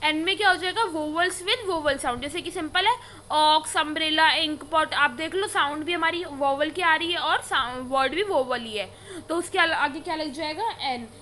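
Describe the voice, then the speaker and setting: Woman teacher, high voice, asks and answers her own questions, faint hiss. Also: moderate pace, sharp tone. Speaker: English teacher. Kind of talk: classroom grammar lesson.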